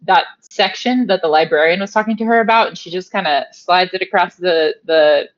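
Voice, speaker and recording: A woman's voice: fairly low pitch, a little fast, highs cut off. A woman playing in a tabletop game, describing her character's actions hesitantly. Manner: hesitant, stumbling. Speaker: player.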